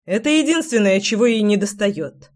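Loy, a woman doing a stubborn, high-voiced sister. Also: lively intonation, moderate pace, a little mellow, lightly acted. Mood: insistent. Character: stubborn young sister, sharp-tongued.

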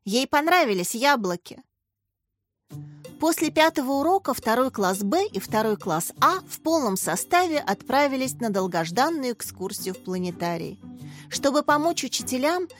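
A woman reading a children's storybook aloud in calm, expressive narration. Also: fairly high pitch. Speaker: audiobook narrator.

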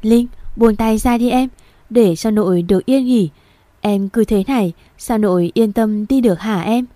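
A gentle, caring young man who speaks softly and coaxingly, played by a woman reading a story aloud. The voice is warm and mellow. It is recorded close and dry. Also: medium pitch, moderate pace, no echo, natural voice. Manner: soft, coaxing.

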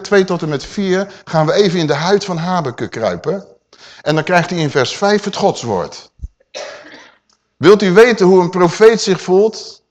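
A man preaching a sermon, dramatic, swinging from loud declaiming to quiet asides and asking his listeners questions. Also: on the high side. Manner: addresses listeners with rhetorical questions.

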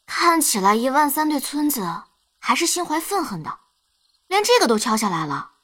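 A woman's voice: high voice, sing-song, normal speed, fairly bright tone. A woman playing an observant, wryly amused young woman in an audio drama. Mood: wry surprise.

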